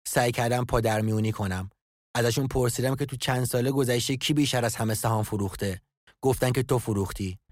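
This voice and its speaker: A man's voice: mid-range voice, no room sound, clean studio sound, close to an everyday voice. A man voicing a worried male coworker who explains at length and apologizes over the phone in an audio drama. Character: Henry, a worried male office colleague.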